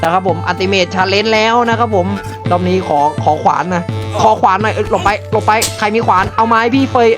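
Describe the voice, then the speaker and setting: A man giving excited live gameplay commentary, often exclaiming and repeating words in rapid bursts. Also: sits high. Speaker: game streamer. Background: loud music.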